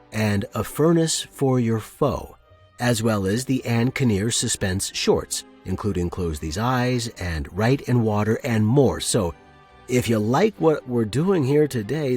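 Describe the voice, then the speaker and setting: A man with a fairly low, darkish, slightly rough voice hosts a fiction podcast. He gives a casual intro and then narrates short stories as scripted audiobook-style narration.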